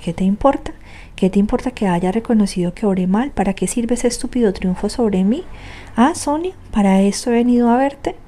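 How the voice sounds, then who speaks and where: A woman's voice: mid-range voice, expressive, a little fast, warm tone, close to an everyday voice. Woman reading as a tormented guilt-ridden young man. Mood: bitter. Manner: anguished, brooding confessional tone.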